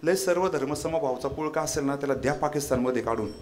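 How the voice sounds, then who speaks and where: A man preaching a devotional kirtan to a live audience, quizzing them for quick answers and mixing scripture with humorous anecdotes. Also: fairly high pitch, over music. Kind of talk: devotional kirtan sermon with audience call-and-response.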